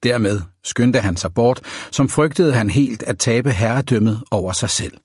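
A man reading a novel aloud as an audiobook narrator, in a measured, even storytelling manner. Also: medium pitch, husky, dry recording, clean studio sound.

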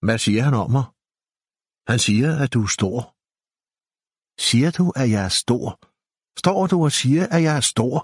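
A man reading an audiobook, voicing a touchy young woman with indignant, sharp retorts. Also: mid-range voice, lively intonation, long pauses, husky, no room sound, clean studio sound, voice pushed up. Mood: offended. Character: young woman, touchy and quick to take offense. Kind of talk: audiobook character voice.

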